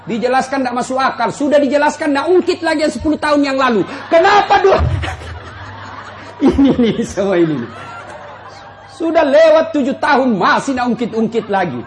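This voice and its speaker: Male preacher with a high voice, lively and joking, acts out quotes, faint noise behind. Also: moderate pace, a crowd in the background. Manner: animated, acts out quotes with big pitch jumps; jokes, addresses listeners directly. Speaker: Islamic preacher. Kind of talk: humorous sermon to a live audience.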